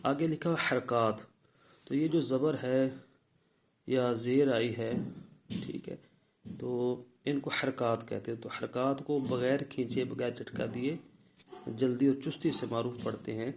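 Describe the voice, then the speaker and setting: Gravelly-voiced man teaching Quran recitation. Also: medium pitch, fairly even intonation, low-quality recording. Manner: explains rules step by step, then models recitation louder; repeats "theek hai" to check in. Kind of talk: tajweed lesson.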